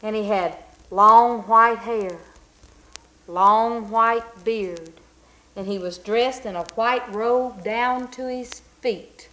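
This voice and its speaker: A woman telling a folk tale in a folksy, drawn-out and emphatic way. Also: a little high, bright, forceful tone, rough recording. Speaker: storyteller. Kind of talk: folk storytelling.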